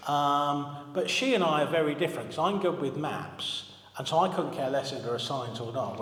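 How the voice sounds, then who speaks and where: A man in his forties preaching a sermon in a church as its minister, telling stories with humour and asking the congregation questions. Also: mid-range voice. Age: 40s. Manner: chatty, humorous storytelling, asks the congregation questions. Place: church hall. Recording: echoey hall, long reverb.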